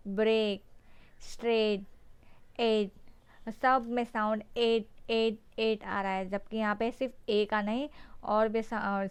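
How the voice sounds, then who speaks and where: A woman's voice: medium pitch, clean tone. A woman hosting a phonics lesson for parents, spelling words out letter by letter. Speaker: teacher and channel host.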